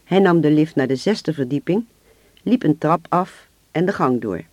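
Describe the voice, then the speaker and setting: Measured Dutch-story narrator, man. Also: a little high, expressive, darkish tone, no echo. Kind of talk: reading a radio-drama story.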